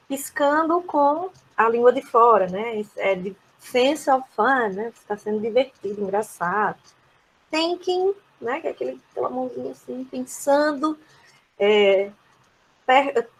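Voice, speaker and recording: Brazilian teacher, woman, slightly high and husky, patient step-by-step review. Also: rough recording. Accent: Brazilian Portuguese. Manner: explains each word, many "né?" tags. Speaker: English teacher. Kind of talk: online class review.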